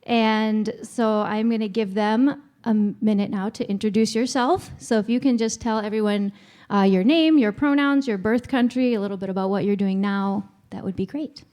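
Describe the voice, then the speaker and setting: A woman's voice: mid-range voice, moderate pace, darkish tone. A woman moderating a church panel discussion, speaking in a friendly, chatty way with small self-aware asides. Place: church hall. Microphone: handheld microphone.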